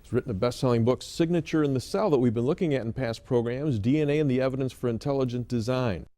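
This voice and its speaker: A man's voice: medium pitch, quick pace, dark tone. A man hosting an interview program, posing direct questions and announcing what comes next. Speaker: host.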